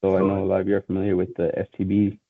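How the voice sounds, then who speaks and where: A man presenting his office's work in a webinar, talking quickly with many fillers. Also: deep voice, monotone, no echo. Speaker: state agency presenter. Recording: tinny phone-like line.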